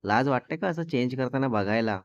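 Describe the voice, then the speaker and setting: A man's voice: mid-range voice, animated, fairly quick, no room sound, natural voice. A man voicing a playful young husband who teases and pleads with his wife. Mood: teasing. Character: young husband, teasing and apologetic. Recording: dull dry lo-fi recording.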